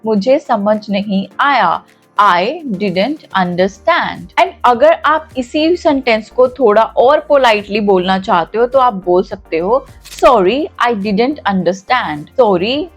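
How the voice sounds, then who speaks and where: Woman English teacher, higher-pitched, slow drilled phrases, light music bed under her. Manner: encouraging, addresses viewers directly. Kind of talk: spoken English lesson in Hindi.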